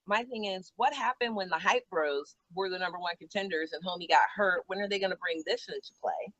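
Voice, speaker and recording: A woman co-hosting a casual wrestling chat, talking in a chatty, animated way and laughing easily, recorded out back outdoors. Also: on the low side, a little fast, no room sound. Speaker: co-host. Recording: dull lo-fi sound.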